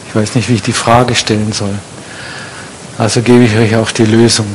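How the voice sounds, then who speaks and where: A man's voice: on the low side, little pitch movement, moderate pace, slight background noise, poor audio. A man preaching a sermon in a conversational way, putting questions to his congregation.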